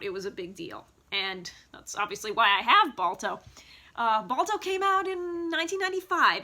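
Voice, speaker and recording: A woman's voice: mid-range voice, sharp tone. A woman in her thirties chatting casually about childhood keepsakes, rambling with lots of fillers and restarts, recorded on a phone in a home basement. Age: 30s. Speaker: vlogger. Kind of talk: casual nostalgic show-and-tell.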